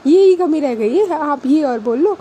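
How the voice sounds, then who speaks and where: A woman voicing an anxious young woman in love, pleading and quick to get upset. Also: sits high, lively intonation, mellow, a little hiss or hum. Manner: pleading, clingy, easily upset.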